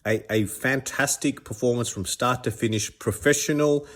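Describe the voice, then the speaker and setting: Talking enthusiastically on his own podcast, a man from Australia delivers casual solo commentary at a medium pitch and moderate pace. A slight cold leaves him a bit stuffed up, and his speech is full of restarts and repeated words.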